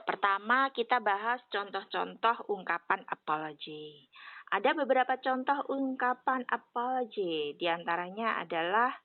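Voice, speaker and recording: A woman's voice: mid-range voice, normal speed, no echo. Teacher woman with a tinny, dry sound. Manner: clear and explanatory, modelling English phrases with careful stress. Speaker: English teacher. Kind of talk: spoken lesson explaining English phrases.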